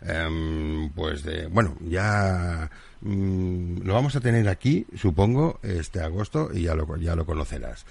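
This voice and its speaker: A man hosting a radio show in a relaxed, casual way, reading out listener messages. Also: deep voice, slow pace, vocal fry. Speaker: radio host.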